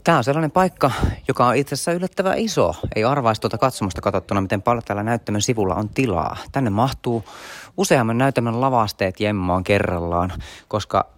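Chatty man guiding a tour. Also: fairly low pitch. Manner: chatty, guiding listeners through spaces. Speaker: podcast host. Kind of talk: walking tour narration.

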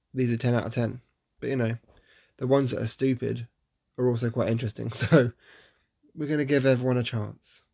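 A man's voice: medium pitch, vocal fry, a little mellow, breathy edge. A man hosting a casual solo podcast in a groggy morning voice, chatty and self-deprecating, laughing at himself. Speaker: podcast host.

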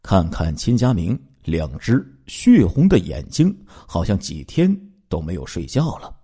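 A man's voice: low voice, mellow, breathy edge. A man narrating a true-crime case in a dramatic storytelling way, with asides to his listeners.

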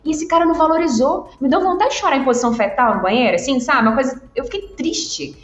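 Woman co-host, animated storyteller, bit high, echoey room. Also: quick pace. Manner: animated storyteller, laughs often. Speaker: podcast co-host. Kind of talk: casual chat. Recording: roomy, dull sound with faint music.

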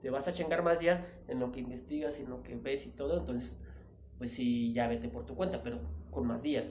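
A young Mexican man chatting casually with a friend, telling stories in a slangy, animated way. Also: medium pitch, brisk, echoey room, slight background noise. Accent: Mexican Spanish. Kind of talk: casual chat between friends.

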